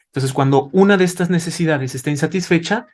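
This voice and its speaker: This male doctor, brought in as a guest expert, talks fast in a slightly high, somewhat mellow voice. He lectures parents didactically, tossing out rhetorical questions and ending phrases with "¿vale?".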